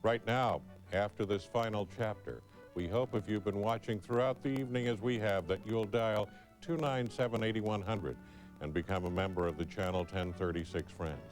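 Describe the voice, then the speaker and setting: A man hosting a public television pledge drive, making an earnest, measured appeal in formal phrasing. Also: lowish voice, faint music behind.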